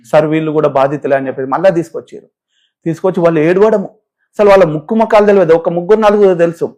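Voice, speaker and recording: A pastor with a Telangana Telugu accent, appearing as an interview guest, gives an emotional testimony about his own life and acts out the voices of the people he quotes. His voice is fairly high and dark in tone, and he speaks very fast.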